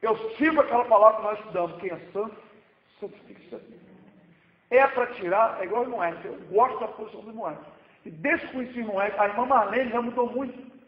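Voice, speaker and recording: A man preaching a sermon as pastor, emphatic, with swings between loud exclamations and quiet asides. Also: high-pitched, fast. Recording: echoey hall, dull lo-fi sound.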